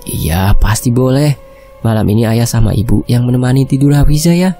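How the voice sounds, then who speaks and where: A man reading a gentle, soothing doctor. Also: medium pitch, brisk, soft background music, lightly acted. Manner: soft, soothing. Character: gentle, patient male doctor comforting a child.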